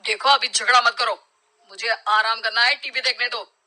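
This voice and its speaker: A woman's voice: on the high side, steady tone, normal speed, sharp tone, low-quality recording. A woman voicing a grown husband and father who grumbles and makes demands. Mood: grumbling.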